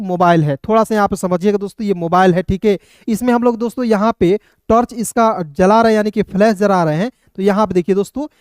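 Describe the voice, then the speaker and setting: A man teaching an English phonics class, spelling out letters slowly and calling his viewers "friends" over and over. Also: high voice, darkish tone, clean tone, no room sound, clean studio sound. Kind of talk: classroom lesson.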